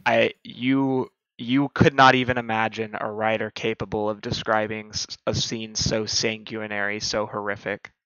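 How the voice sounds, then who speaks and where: A man acts as game master for a tabletop game. His voice is bright and sharp. He describes scenes in a dramatic, halting way, on a slightly muffled, roomy recording. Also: on the low side, flat delivery. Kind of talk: narrating a tabletop role-playing game.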